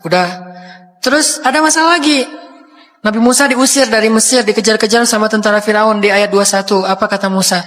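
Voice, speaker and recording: A man from Indonesia preaches a sermon, telling stories in a casual, conversational way and acting out the quotes. His voice sits high, a bit bright, and moves a little fast. The recording carries a long hall reverb.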